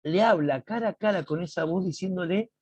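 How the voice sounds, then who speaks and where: Over a video call, a man with a high-sitting, darkish, husky voice teaches an online Bible class. He explains slowly and emphatically and reads quotes aloud dramatically.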